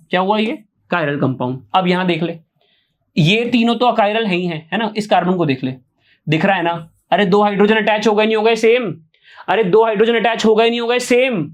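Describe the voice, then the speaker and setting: A man teaching chemistry online, repeating each question to his students and answering it himself, often asking yes or no. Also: sits high. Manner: coaxing, keeps asking yes or no. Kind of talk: online exam-prep lecture.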